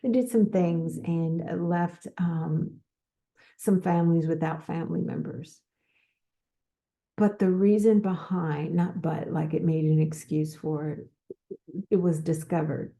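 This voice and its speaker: Slow-speaking woman with a dark voice. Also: on the low side, fairly even intonation, gravelly. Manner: slow, repetitive, with pauses and restarts. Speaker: podcast host. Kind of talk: casual advice talk.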